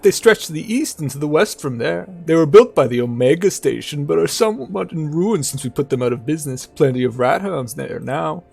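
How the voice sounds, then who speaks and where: A man's voice: a little high, expressive, fairly quick, creaky, hardly any pauses, darkish tone, breathy edge, soft background music, pitched above the performer's own voice, full character voice. A man voicing an amiable, chatty old scavenger from a video game in a folksy old-timer manner. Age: older. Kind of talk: video game dialogue read in character.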